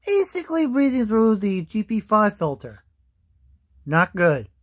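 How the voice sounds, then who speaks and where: Slow, halting young male vlogger. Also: high voice, very animated. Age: young adult. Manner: halting, repetitive. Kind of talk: casual explainer to camera. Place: small room indoors. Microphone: phone at arm's length.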